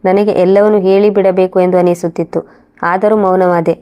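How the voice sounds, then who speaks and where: A woman narrating a first-person moral story in a steady, even reading voice. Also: fairly low pitch, normal speed.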